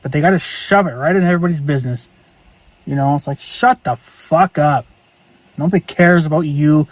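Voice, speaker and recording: A man's voice: fairly high pitch, brisk, dry recording, poor audio. A man ranting angrily and profanely in a casual vlog monologue, repeating himself as he goes. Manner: angry, profane, repetitive ranting. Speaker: vlogger.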